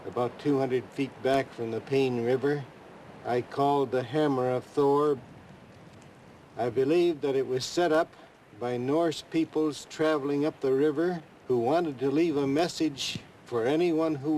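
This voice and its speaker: A man's voice: mid-range voice, fairly even intonation, measured pace, darkish tone, a little hiss or hum, low-quality recording. Earnest male archaeologist explaining on site.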